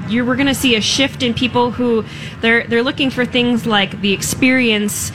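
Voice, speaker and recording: A woman's voice: a little high, steady tone, normal speed. A woman speaking as an interview guest in an earnest, meandering, casual way. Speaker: guest, small-shop owner. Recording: noisy live fair broadcast.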